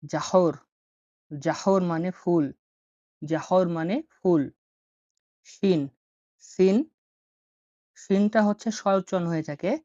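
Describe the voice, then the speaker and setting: A woman teaching the letters of a language slowly, repeating each example word several times with patience. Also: on the low side, steady tone, warm tone, no echo. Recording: dull, muffled dry sound.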